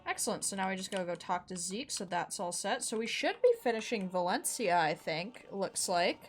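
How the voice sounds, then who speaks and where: A woman's voice: mid-range voice, animated, brisk, faint music behind. A young woman giving casual, chatty commentary while playing a video game. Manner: chatty, amused asides. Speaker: gaming streamer.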